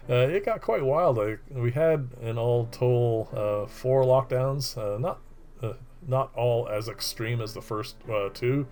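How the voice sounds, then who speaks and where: A middle-aged man presenting a casual woodworking voice-over in a monotone, droning, rambling and hesitant way. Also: mid-range voice. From Canada.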